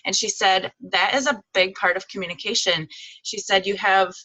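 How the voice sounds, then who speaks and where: A woman's voice: mid-range voice, fairly even intonation, moderate pace, pushed and bright, lo-fi sound. A woman giving a chatty, casual recap on a video call, with plenty of "um" and "like" fillers. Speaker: guest speaker. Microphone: video call microphone.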